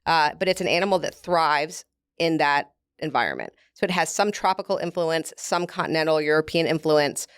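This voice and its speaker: A woman with a lowish voice talks through her work in a relaxed interview, going into detail and breaking into easy laughs. The sound is close and dry, with no room around it. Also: normal speed, clear, resonant tone, no echo. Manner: explains at length, laughs easily. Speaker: guest from a beef producer. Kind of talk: casual interview talk.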